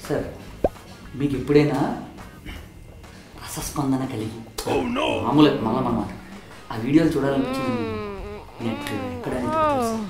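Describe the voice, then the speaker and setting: A man playing a bachelor tenant who pitches his favours like a salesman in a comedy sketch. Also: sing-song, normal speed, long pauses. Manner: wheedling, salesman-like. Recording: roomy, loud music.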